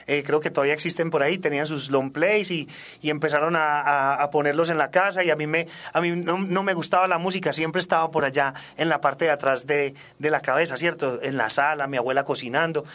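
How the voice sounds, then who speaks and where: Chatting casually as a radio interview guest, an Australian salsa singer and trombonist in his forties speaks English natively. He talks briskly in a higher-than-average voice, a bit bright, with fairly even intonation.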